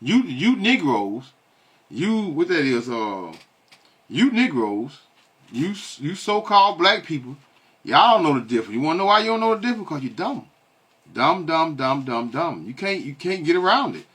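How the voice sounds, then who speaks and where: A man's voice: fairly high pitch, very animated, moderate pace, a bit bright, breathy edge. A man giving blunt, scolding commentary on video clips, who keeps asking rhetorical questions and repeats himself. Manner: blunt and scolding, with many stalling fillers. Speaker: online religious commentator.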